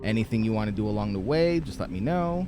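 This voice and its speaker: A man's voice: lowish voice, expressive, quick pace, music in the background. A man casually bantering and narrating as game master of a tabletop roleplaying game.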